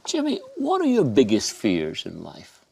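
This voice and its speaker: A man's voice: medium pitch, huge pitch swings, unhurried, gravelly, a little mellow, husky. A man hosting an interview, asking direct, probing questions. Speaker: interviewer host.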